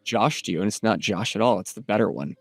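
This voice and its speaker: A man's voice: fairly low pitch, expressive, brisk, no room sound, soft background music. A man hosting a podcast in casual chat, chatty and upbeat as he hypes up a guest. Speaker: podcast host.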